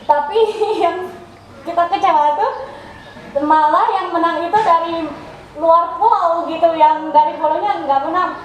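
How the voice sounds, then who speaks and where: Brief: woman from Sumedang, chatty agreeable co-host, high-pitched, very echoey room. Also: measured pace. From Sumedang, West Java, Indonesia. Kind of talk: casual school talk. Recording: echoey room, faint noise.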